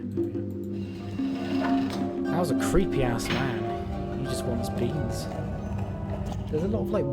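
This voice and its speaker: Male streamer, mid pitch, rambling casual commentary, loud game music underneath. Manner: rambling, restarts mid-sentence, laughs often. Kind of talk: casual let's-play commentary.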